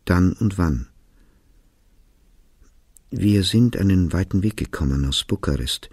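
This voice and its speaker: A man reading a quiet, halting father. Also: deep voice, animated, slightly rough, dry recording, clean studio sound, full character voice. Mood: subdued. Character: grave, hesitant middle-aged father.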